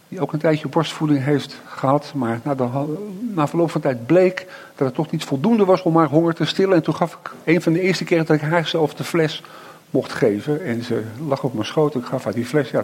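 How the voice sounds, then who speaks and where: A middle-aged man preaching a sermon, reflective, with slow emphatic pauses and frequent tag questions. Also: fairly high pitch, slightly rough.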